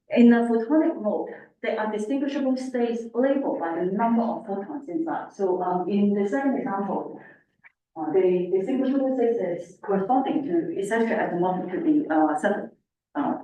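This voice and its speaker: Casting: female academic lecturer, masked, soft dark tone, halting explanations, heavily reverberant room. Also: mid-range voice. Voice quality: speaking through a face mask. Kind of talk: informal technical lecture. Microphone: distant room microphone. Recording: very echoey, distant, faint room noise.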